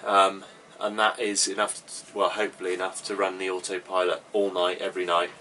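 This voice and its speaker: Low flat-voiced man touring his boat. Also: brisk. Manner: practical, plain-spoken, trails off with ums. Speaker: boat owner giving a tour. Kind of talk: casual explanation. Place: cramped boat cabin, indoors. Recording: slightly distant mic with faint background noise.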